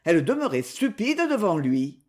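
An audiobook narrator reading a dark literary novel. The delivery is steady but expressive, with a mid-range voice that moves freely in pitch. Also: normal speed.

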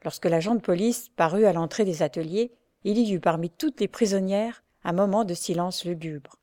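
A woman narrating a classic novel in a measured storytelling manner. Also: on the low side, warm tone, dry recording, clean studio sound.

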